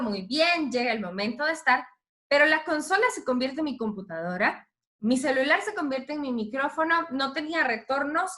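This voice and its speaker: A woman in her thirties speaks to a group of teachers with the lively, expressive manner of a radio announcer. Her voice sits a little high and rings bright. She tells her story with animated, changing emphasis. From Guatemala. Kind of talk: talk to teachers.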